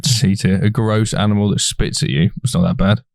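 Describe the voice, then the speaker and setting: A young man chatting as a podcast co-host. He is laid-back, laughs easily and swears casually. His voice sits fairly low and is recorded close and dry. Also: fairly even intonation, a little fast, creaky, no echo. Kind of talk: casual chat.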